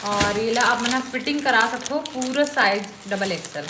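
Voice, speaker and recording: Brief: woman with a Chhattisgarhi accent, vlogger selling clothes, coaxing chatter, echoey room, clear background noise. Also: a little high, normal speed. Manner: chatty, coaxing sales talk with tag questions. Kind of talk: casual sales vlog.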